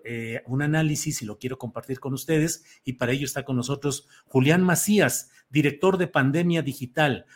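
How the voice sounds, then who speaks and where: A man with a Mexican accent hosting a live talk show unscripted, halting and repeating words as he searches for phrasing. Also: fairly high pitch. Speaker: host of a news talk show.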